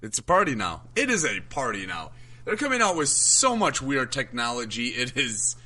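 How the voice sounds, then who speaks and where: Male co-host, casual talk, trips over words, animated and bright in tone. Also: medium pitch. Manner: halting, stumbles over words. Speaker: podcast co-host. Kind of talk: casual banter.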